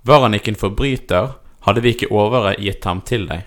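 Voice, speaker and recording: A man voicing insistent, accusing priests in a dramatic scripture reading, speaking forcefully. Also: on the low side, voice pushed down, close to an everyday voice.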